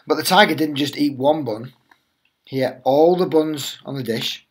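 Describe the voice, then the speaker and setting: This middle-aged headteacher brings warmth and expression to a picture book he reads to little kids, calming them as he goes. His voice is a little high.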